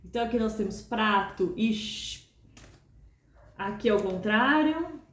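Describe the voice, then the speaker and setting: Slow, patient Brazilian music teacher. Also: female voice, mid-range voice, lively intonation, roomy sound. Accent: Brazilian Portuguese. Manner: explains patiently, chants rhythm words slowly. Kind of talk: video lesson.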